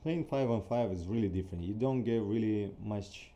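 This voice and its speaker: Low, dark-voiced man with Ukrainian accent. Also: normal speed, highs cut off. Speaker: interview guest, athlete. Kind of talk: casual conversational interview answers.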